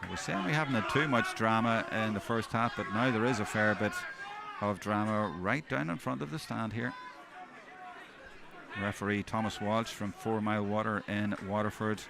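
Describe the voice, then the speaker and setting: A man giving live hurling commentary, describing play in measured running observations. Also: on the low side, vocal fry. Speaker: sports commentator. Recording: outdoor stand, loud crowd noise behind. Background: crowd noise at outdoor match.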